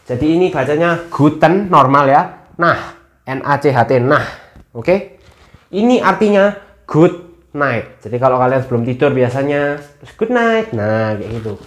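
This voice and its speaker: A young man giving a casual online German lesson, chatty, often addressing viewers as guys and spelling words out slowly. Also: fairly high pitch, lively intonation, reverberant. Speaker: German language teacher.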